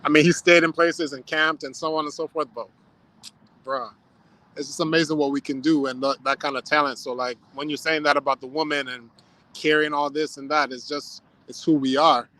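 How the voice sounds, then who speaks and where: A man's voice: a little high, fairly even intonation, fairly quick, bright, forceful tone, dry recording, low-quality recording. A man chatting casually on a livestream, telling a story in a reflective way with lots of "you know" and "um".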